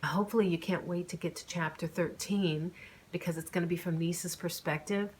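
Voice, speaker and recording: A woman narrating her own romance audiobook in a plain, even storytelling manner. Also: on the low side, a little fast, slight background noise.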